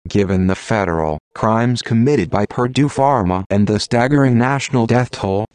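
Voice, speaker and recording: A man's voice: mid-range voice, normal speed, a little mellow, smooth, no echo. A computer-generated male voice like an old speech synthesizer, reading formal text as scripted narration with mechanical, stilted phrasing. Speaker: automated narrator of an audio series. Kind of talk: scripted read-aloud narration of formal texts.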